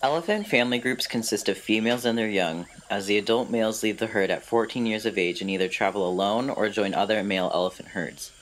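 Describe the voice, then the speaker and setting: Lower-voiced man narrating a documentary. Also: quick pace, hardly any pauses, a bit bright, slight background noise, rough recording.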